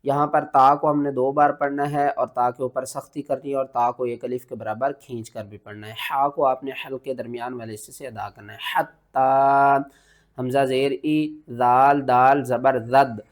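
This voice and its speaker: A man teaching Quran recitation, spelling each word letter by letter before reciting it in a slow, drawn-out way. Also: medium pitch, fairly even intonation. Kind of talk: step-by-step spelling and recitation lesson.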